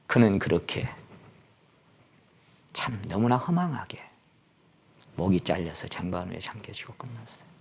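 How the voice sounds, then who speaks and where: A male pastor preaching a sermon dramatically, swinging from loud exclamations down to near-whispers. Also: deep voice, moderate pace, long pauses, slightly rough.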